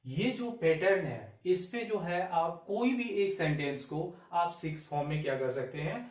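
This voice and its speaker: A man teaching English grammar in Hindi, often asking himself questions and slowly dictating the example sentences word by word. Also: a little high, lively intonation, a little mellow. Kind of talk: Hindi-language grammar lesson. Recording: echoey room, voice a bit far from mic.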